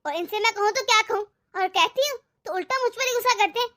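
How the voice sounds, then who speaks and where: A scheming young wife in an animated story, as a woman voices her, griping with sarcasm in a very high, piercing voice. The tone is bright and cutting, every complaint dripping with resentment. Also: quick pace. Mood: bitter grumbling. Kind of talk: animated cartoon voice acting.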